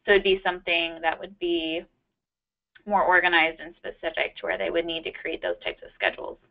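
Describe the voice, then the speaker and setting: Lower-voiced woman explaining on a webinar. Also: fairly even intonation, fairly quick. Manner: explanatory, thinking aloud with hedges. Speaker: webinar panelist. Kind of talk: answering questions in a webinar. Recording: muffled web call audio.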